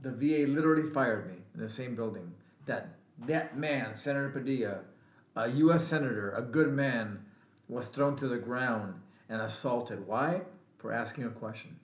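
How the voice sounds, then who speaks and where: A man's voice: mid-range voice, moderate pace. Angry veteran man ranting in echo. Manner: angry, emphatic, repeats himself. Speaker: vlogger and veteran. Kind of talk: impassioned political rant. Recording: roomy echo.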